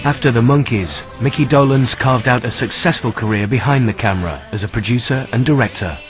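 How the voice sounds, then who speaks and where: A man giving measured, scripted documentary narration. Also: mid-range voice. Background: music.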